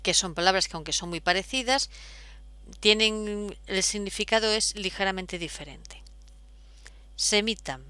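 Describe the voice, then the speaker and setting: A woman's voice: mid-range voice, unhurried, long pauses, pushed and bright, clear, resonant tone, no room sound. A woman, explaining step by step as a teacher, patient, with frequent fillers. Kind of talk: explaining at a whiteboard.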